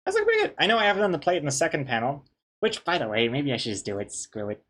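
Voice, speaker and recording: A man's voice: fairly high pitch, very animated, fast talker, a bit bright. A man chatting casually on a livestream as he works, rambling and playful, who can't pronounce his R properly and says it like a W. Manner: rambling, playful, easily amused. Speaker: comic artist and streamer. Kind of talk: casual livestream chat while drawing.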